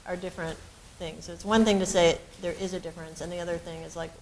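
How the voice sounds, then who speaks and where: A woman with a lowish, flat, darkish voice speaks at a quick pace on a rough recording with a little hiss or hum. A researcher on a university panel, she explains ideas in a searching, thoughtful way, with frequent ums, fillers, and restarts, during an academic panel discussion.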